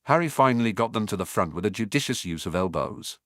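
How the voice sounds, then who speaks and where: Male audiobook narrator, low and lively, dry close sound. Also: fast talker, dry recording. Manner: expressive storytelling. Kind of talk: fan fiction audiobook narration.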